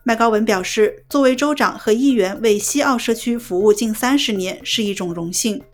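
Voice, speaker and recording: A woman news presenter delivers a breaking news bulletin in a fairly high voice. She reads from a script, with music playing behind her. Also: moderate pace. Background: background music.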